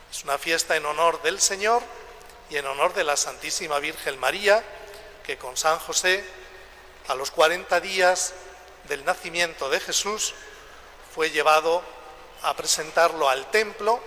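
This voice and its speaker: A man speaks as a priest at Mass, his forceful, bright voice ringing through long cathedral echo. He delivers scripture and homily slowly, in short measured phrases, with some noise behind him. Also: on the high side. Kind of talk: liturgical Gospel reading and homily. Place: large reverberant church, public address during Mass. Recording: echoing church with long reverb, background noise.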